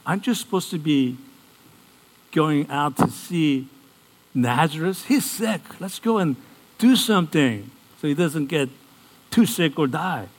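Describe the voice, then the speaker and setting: A man's voice: on the high side, animated, measured pace, long reverb tail, pitched above the performer's own voice. A man voicing worried young male disciples who are slangy, urgent and pleading in a sermon.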